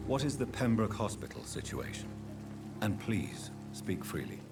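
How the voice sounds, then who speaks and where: An actor voicing a composed male vampire doctor in a video game, measured and polite. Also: fairly low pitch, sing-song. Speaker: game protagonist. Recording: game audio under music.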